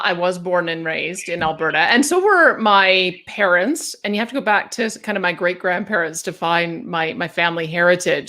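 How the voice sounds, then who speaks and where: Canadian woman guest, low-ish voice, earnest and repetitive, video-call interview. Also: a bit bright. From Calgary, Canada. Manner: earnest, repeats words as she thinks. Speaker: guest, policy paper author. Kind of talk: conversational interview answers.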